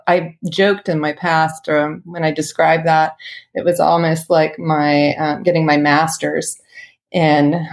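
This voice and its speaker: Low-voiced woman stylist guest. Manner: warm, reflective, with fillers and light laughs. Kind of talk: casual interview chat.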